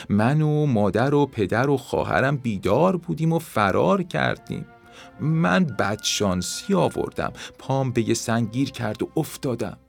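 A man voicing a newly arrived chatty young ant in a children's storybook reading, raising his voice high and lively. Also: gravelly.

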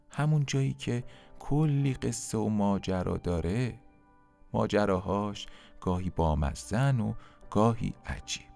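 A man telling a children's story, gently addressing his young listeners. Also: sits low, creaky.

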